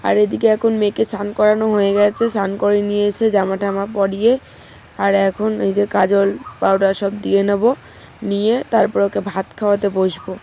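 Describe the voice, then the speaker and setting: A young mother, her voice hoarse and strained, chatting homely and casually to her viewers. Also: mid-range voice, little pitch movement, a little fast, slight background noise. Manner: chatty, homely, soft baby talk with her daughter. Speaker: vlogger, mother. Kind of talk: casual vlog narration to viewers.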